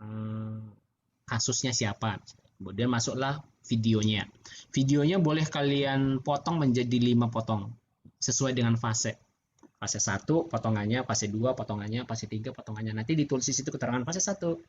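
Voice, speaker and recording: Middle-aged male lecturer, Indonesian accent, relaxed chatty feedback, muffled video-call sound. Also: medium pitch, normal speed. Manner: relaxed, chatty, laughs often. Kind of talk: online class feedback. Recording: muffled video-call audio with faint background noise.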